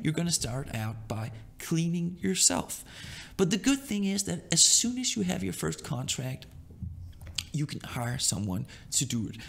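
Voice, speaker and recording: Gravelly Danish-raised man giving casual advice. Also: a little high. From Denmark. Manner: loose, chatty, often asks "right?". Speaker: online business vlogger.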